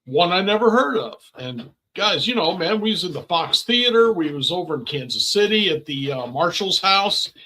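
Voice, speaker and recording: A man with a notably high-pitched, bright and forceful voice hosts a casual interview. He talks in an informal, chatty way, introducing and questioning his guest conversationally. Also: expressive, moderate pace, hardly any pauses, poor audio. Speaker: interview host.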